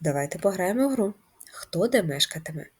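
A woman teaching a first-grade reading lesson, speaking patiently and clearly and stretching words into syllables. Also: on the low side, expressive, fairly quick. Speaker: primary school teacher.

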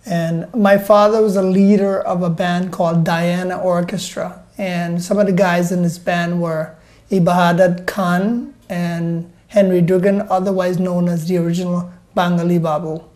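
A man in his forties from Guyana, a singer telling his family's musical history in a relaxed interview, pausing on fillers between names. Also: sits high. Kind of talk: casual interview talk. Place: indoor TV studio set.

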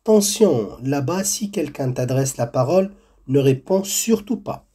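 A man voicing a kind, lonely old village woman in a storybook tale, who gently gives warnings. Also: mid-range voice, lively intonation, measured pace, husky.

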